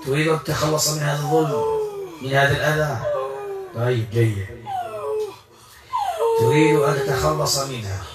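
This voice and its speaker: A man's voice: mid-range voice, fairly even intonation, normal speed, long pauses. A man working as a Quran healer, speaking in a commanding, coaxing way to a possessed patient during an exorcism session. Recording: echoey room, far from mic, loud noise.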